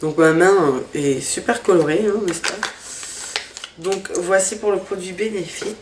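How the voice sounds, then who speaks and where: A woman's voice: fairly low pitch, a little slow, echoey room, noisy background. A woman vlogger chatting casually through a makeup haul, hesitant, with many fillers. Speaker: beauty vlogger.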